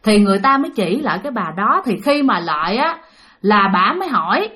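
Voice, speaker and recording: A woman's voice: medium pitch, very animated, a little fast, pushed and bright. A woman with a Southern Vietnamese accent telling a spooky story, chatty and talking straight to her listeners. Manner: chatty, addresses listeners directly.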